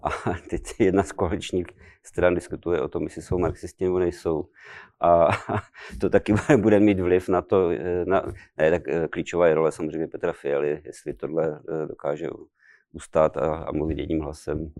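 A man's voice: low-pitched, fairly even intonation, a little mellow, no room sound, clean studio sound. A man hosting a regular political discussion, speaking informally in loosely phrased sentences. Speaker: host.

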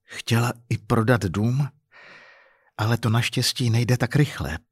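A shaken middle-aged wife speaks in a hushed, colorless tone, as a male narrator reads her. The voice is husky and quiet, recorded close and dry for an audiobook story. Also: medium pitch, no echo, lightly acted. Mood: flat subdued. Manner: soft, flat, subdued.

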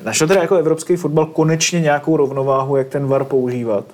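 A man's voice: a little high, little pitch movement, a little mellow. A man hosting a casual football discussion, talking in a colloquial way and putting questions to his guests.

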